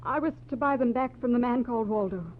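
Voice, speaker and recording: A woman's voice: a little high, fast talker, natural voice. An actress playing a wistful, secretive married woman in a 1940s radio detective drama, speaking earnestly and a little hesitantly. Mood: guarded. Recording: tinny, noisy, humming 1940s radio recording.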